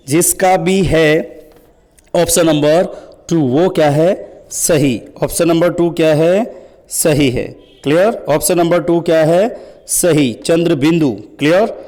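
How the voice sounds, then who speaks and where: A male grammar teacher running an exam-prep quiz lesson, urging viewers to answer fast and often checking whether it is clear. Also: fairly high pitch, dark tone, in a large hall.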